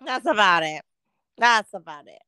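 A woman co-hosting a podcast, telling stories in casual chat with heavy swearing and animated delivery. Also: medium pitch, moderate pace, smooth, dry recording, low-quality recording. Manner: profane, animated storytelling. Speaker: podcast co-host.

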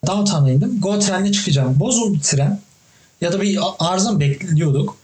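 A young man in casual conversation, telling animated stories and cursing casually as he hosts. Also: high-pitched, moderate pace, reverberant, poor audio. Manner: animated storytelling, swears casually. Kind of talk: casual chat.

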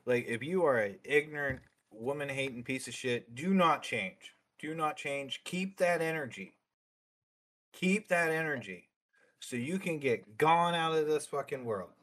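A man's voice: a little high, expressive, measured pace, a bit bright. A man being interviewed as a streamer, talking bluntly with lots of swearing and fillers. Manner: outspoken, opinionated. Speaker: streamer guest. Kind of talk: casual interview chat.

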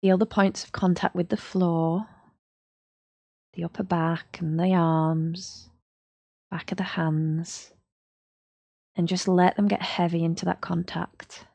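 A woman guides a yoga relaxation, leading listeners through the body part by part. Her voice is low and mellow and her delivery is slow and unhurried. The sound is dry and close, with no room around it. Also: little pitch movement, vocal fry, husky, dry recording. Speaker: yoga teacher.

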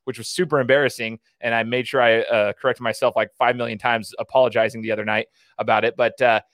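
Fast-talking man, enthusiastic podcast host. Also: mid-range voice, little pitch movement, fairly bright tone, no echo, clean studio sound. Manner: enthusiastic, rambling. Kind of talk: casual interview chat.

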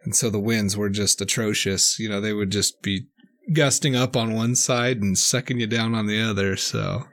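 A man's voice: on the low side, fairly even intonation, moderate pace, fairly bright tone. This is a young man from the United States, co-hosting a casual podcast. His talk is easygoing and full of laughs, and he often finishes the other host's sentences. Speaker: podcast co-host. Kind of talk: casual chat.

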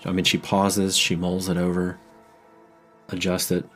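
A man with a very deep voice runs a tabletop game as game master. He narrates in vivid detail with thoughtful pauses, and faint music plays beneath. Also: monotone, a bit bright.

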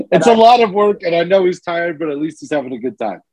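Lively, husky-voiced man co-hosting. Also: sits high, normal speed, no echo, low-quality recording. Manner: playful, joking, animated. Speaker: podcast co-host. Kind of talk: casual chat.

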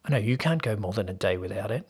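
A man voicing a relaxed, teasing young man, speaking in a low-key, casual way. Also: quick pace, husky.

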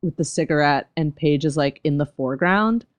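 Woman podcast cohost, playful, kinda low voice, dry mic. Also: no room sound. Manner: animated, playful, quick retelling of scenes. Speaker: podcast co-host. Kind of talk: casual chat.

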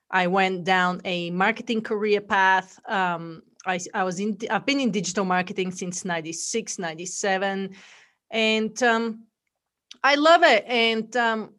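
Middle-aged woman, Bulgarian accent with Australian and American hints, chatty interview guest. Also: medium pitch. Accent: Bulgarian, mixed with Australian and American. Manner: warm storytelling, frequent fillers and laughs. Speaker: podcast guest. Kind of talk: casual interview chat.

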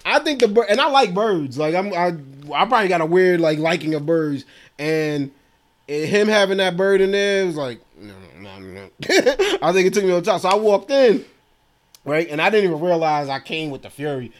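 A man with a high, bright-edged voice co-hosts a casual podcast. He talks in loose slang and keeps breaking into laughter. His stories come out animated and loose. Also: normal speed. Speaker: podcast co-host. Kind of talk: casual chat.

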